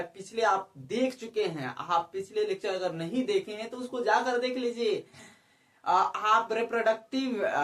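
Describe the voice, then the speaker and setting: A man's voice: sits high, fairly bright tone. A male biology teacher giving an exam-prep lecture, who keeps asking rhetorical questions, repeats key terms and checks that students follow. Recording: echoey room, speaker far from the mic.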